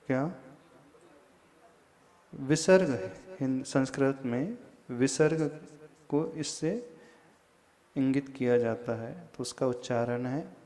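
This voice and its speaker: A man's voice: medium pitch, a little mellow. A man, a monk, leading a scripture class, chanting verses and patiently correcting his listeners' pronunciation. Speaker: Jain monk teaching scripture. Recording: long hall reverb.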